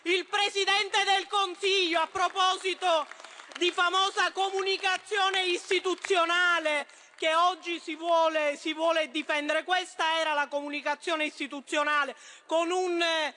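High, bright-voiced woman from Sicily debating. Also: level tone, measured pace, slight background noise. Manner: emphatic, combative. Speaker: member of parliament. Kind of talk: parliamentary speech. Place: parliament chamber. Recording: echoey chamber.

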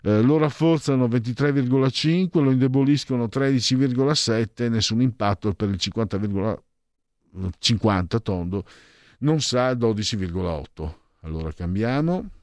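A man casually reading out opinion poll figures in a brisk run, adding wry side remarks. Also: medium pitch, darkish tone, no echo, clean studio sound. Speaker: commentator reading out opinion polls.

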